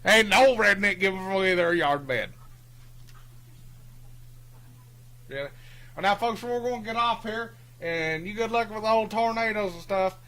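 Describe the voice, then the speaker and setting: A man's voice: high voice, moderate pace, bright, forceful tone. A man playing a boastful, rambling hillbilly who hosts a sports call-in show, with a folksy drawl. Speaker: host. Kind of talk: comic character bit on a live stream.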